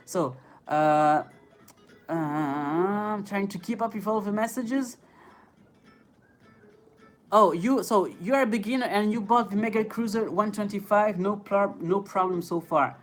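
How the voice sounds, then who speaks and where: His voice sits high and moves at a measured pace as this French inline skating streamer reads his chat's questions aloud on a live stream. A native French speaker with a French accent, he fills pauses with hesitations and laughs a lot; faint background music plays under his phone audio.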